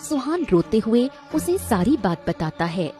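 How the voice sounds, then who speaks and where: A woman narrating a children's cartoon story in an expressive, dramatic way. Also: fairly high pitch, a little slow, soft background music.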